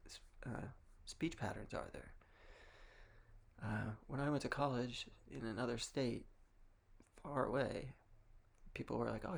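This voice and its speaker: A young man from Massachusetts with a mild Massachusetts accent, musing in a wry, rambling, opinionated monologue. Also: mid-range voice. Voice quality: gravelly, husky. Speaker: vlogger. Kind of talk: casual monologue.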